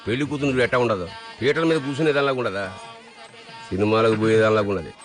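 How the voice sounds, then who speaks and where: A man's voice: on the low side, fast talker, faint music behind, natural voice. An actor playing an irritable man who scolds a servant in an exasperated tone. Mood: scolding. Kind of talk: film dialogue.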